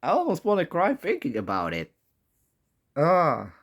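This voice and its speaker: A man talking casually and candidly in a personal vlog, halting often and swearing mildly. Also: a little high, wildly swooping pitch. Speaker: vlogger.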